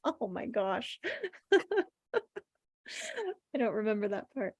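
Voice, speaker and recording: A woman reads screenplay stage directions aloud for a table read, speaking slowly in a mid-range, darkish voice. The scripted narration sounds dry and muffled, with no echo and little room sound.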